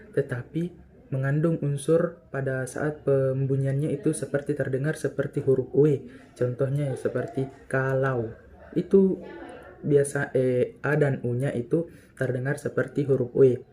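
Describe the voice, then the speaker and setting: Young male student presenting in class; careful, slow-spoken examples, even and mellow. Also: medium pitch. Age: young adult. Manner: explains carefully, slows down to pronounce example words.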